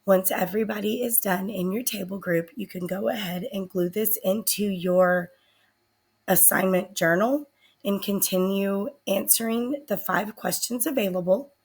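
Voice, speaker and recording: A woman teacher giving a recorded spelling lesson, speaking slowly and deliberately and sounding out words. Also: mid-range voice, husky.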